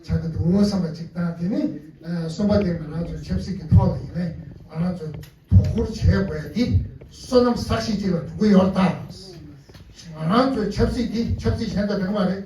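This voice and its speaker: A man teaching a class with animated, emphatic delivery and sudden louder stresses. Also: sits high, normal speed. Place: event hall. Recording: echoey hall, voice far from mic.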